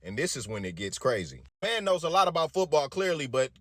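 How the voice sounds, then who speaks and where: A young adult man telling a story in a lively, animated voice that swings a lot, slangy and joking. He sits a little high for a man. His voice is close and dry, with no room sound. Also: a little fast, no echo. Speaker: psych ward worker telling stories. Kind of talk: casual storytelling.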